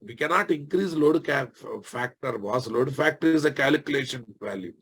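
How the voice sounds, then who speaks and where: A man with a Telugu Indian accent and a slightly husky voice, teaching a live technical class, repeating phrases and quizzing his students informally. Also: mid-range voice, expressive, normal speed, a bit bright. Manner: repeats phrases, often addresses listeners informally. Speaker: programming instructor.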